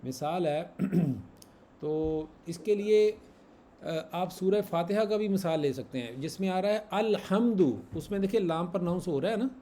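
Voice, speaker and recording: An Arabic grammar teacher gives an online class lesson, patiently repeating examples and quizzing his students. His voice sits high and sounds mellow, moving at a moderate pace over slight background noise.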